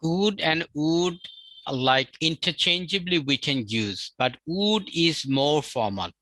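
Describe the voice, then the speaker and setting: A man's voice: fairly high pitch, animated, takes it slowly, bright, forceful tone, no room sound, rough recording. A man teaching a live spoken-class, drilling words by repeating and spelling them out. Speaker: English teacher.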